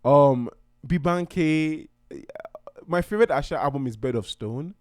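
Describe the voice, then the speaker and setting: A man's voice: a little high, measured pace, dry recording, clean studio sound. A young man from Nigeria hosting his own podcast in a casual, heartfelt way, rambling and often restarting his sentences. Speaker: podcast host. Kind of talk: casual solo podcast talk.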